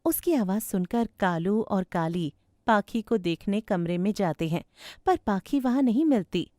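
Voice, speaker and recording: Slow, expressive woman storyteller. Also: medium pitch, dry recording, clean studio sound. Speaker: narrator. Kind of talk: scripted cartoon narration.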